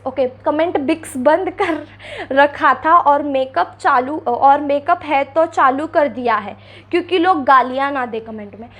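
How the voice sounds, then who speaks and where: A woman's voice: sits high, a little slow, a bit bright. A young woman vlogging from a chair, answering critics with sarcasm, on a clip-on mic. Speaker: beauty vlogger. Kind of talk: casual reaction vlog. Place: seated indoors before a ring light and backdrop.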